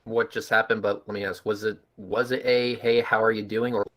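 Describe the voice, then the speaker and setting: A man calling in to a casual panel discussion over a laggy internet link, his words cutting out and coming through in halting fragments. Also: on the low side, level tone, fairly bright tone. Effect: choppy call audio with words cutting out. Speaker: remote call-in guest. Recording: laggy internet call, distant.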